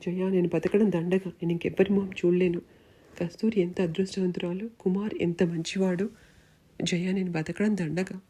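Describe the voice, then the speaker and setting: A woman's voice: on the low side, fairly even intonation, normal speed, warm tone, slightly rough. Woman reading as a despairing young wife. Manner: pleading, tearful.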